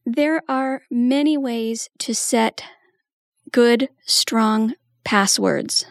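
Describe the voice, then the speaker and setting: A woman's voice: on the high side, very slow, no echo, clean studio sound. A woman giving a patient, step-by-step tutorial walkthrough as a trainer. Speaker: assistive technology trainer.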